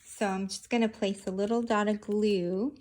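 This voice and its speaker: A woman's voice: medium pitch, fairly even intonation, a little mellow, a little hiss or hum. A woman hosting a casual craft tutorial, talking through each step of her handiwork as she goes. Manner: unhurried, narrating each hand movement as she works.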